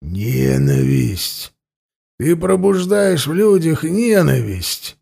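A man playing a grim warrior interrogating a captive, his voice low-keyed, quiet and even, each word slow and deliberate. A gravelly, dark edge makes the calm feel threatening in this audiobook story. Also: full character voice. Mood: cold.

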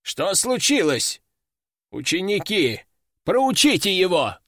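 A man's voice: sits high, sing-song, slow, bright, forceful tone, dry recording, studio quality, full character voice. A man voicing a stern, domineering old male sorcerer in an audiobook, giving harsh orders. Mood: angry. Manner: commanding and harsh. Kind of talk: audiobook character voice.

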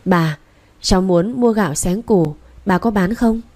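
A woman's voice: medium pitch, a little slow, a little mellow, natural voice. A woman reading aloud voices a polite, friendly young woman buying rice. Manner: polite, courteous.

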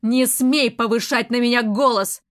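Audiobook villain: loud, slow-spoken, threatening colonel, read by a woman. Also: on the high side, steady tone, close to an everyday voice. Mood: furious, threatening. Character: domineering menacing man, militia colonel, murderer.

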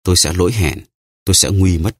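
A man's voice: low voice, a little fast, no echo, studio quality. A man voicing a ruined, grief-stricken merchant who talks in a choked, solemn way in an audiobook. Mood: grieving.

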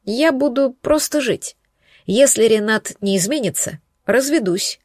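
A woman's voice: fairly high pitch, expressive, a little slow, a little mellow, no echo, studio quality. A woman narrating a first-person romance novel in an intimate, emotional way. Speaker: audiobook narrator.

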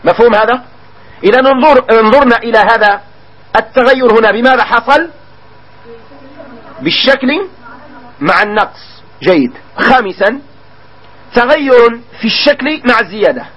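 High-voiced Moroccan man teaching grammar. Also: animated, fairly bright tone, muffled recording. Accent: Moroccan Arabic. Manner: asks students questions and repeats words slowly. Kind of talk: classroom grammar lesson.

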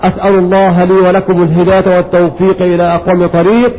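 High-voiced man teaching Quran reading. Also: little pitch movement. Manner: slow, deliberate, drawing out examples. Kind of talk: religious lesson on Quran reading. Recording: tinny lo-fi audio with long reverb.

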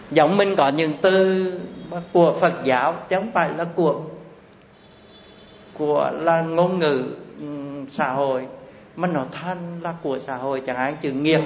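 A man teaching Buddhist doctrine in a classroom lecture, repeating key terms and asking his listeners rhetorical questions. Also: fairly high pitch. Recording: echoey hall, slightly dull with faint hiss.

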